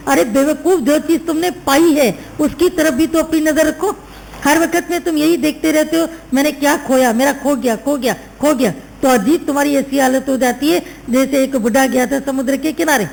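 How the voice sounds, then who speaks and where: A woman's voice: high voice, gravelly, darkish tone, rough recording. A woman giving a sermon to a spiritual gathering. She tells a moral story, acts out the voices in it and repeats phrases for emphasis. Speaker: spiritual teacher.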